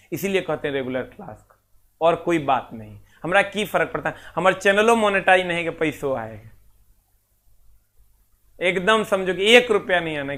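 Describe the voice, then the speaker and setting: A man teaching an online exam-prep class in a high, bright voice. He talks straight to his students, scolding them one moment and coaxing them the next. He counts numbers out in a sing-song drill.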